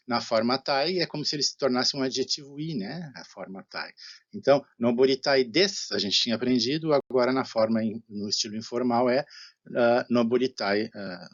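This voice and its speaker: A man with a Brazilian Portuguese accent gives a recorded Japanese lecture, explaining patiently, often asking "né?" and slowing down for example phrases. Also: medium pitch, lo-fi sound. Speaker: Japanese language teacher.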